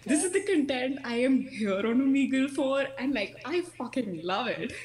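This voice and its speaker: Excited woman heard over a video call. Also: sits high, moderate pace. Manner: excited, gushing. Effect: heard through a video call. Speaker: stranger on a video chat. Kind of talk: casual chat. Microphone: laptop or phone webcam mic on a video call.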